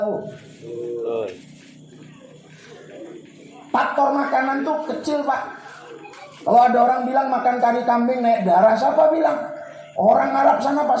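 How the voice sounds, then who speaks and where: Male preacher, high mellow voice, jokey crowd-pleasing sermon, booming hall echo. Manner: jokey, keeps addressing the audience directly. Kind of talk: humorous religious lecture. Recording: very echoey hall.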